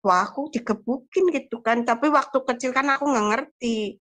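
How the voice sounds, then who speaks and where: This is a woman telling her own story in a relaxed, chatty way, slipping into lively quoted voices. Her voice sits a bit higher than most women's. She is talking over a remote call. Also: normal speed. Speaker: testimony giver. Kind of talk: conversational personal testimony.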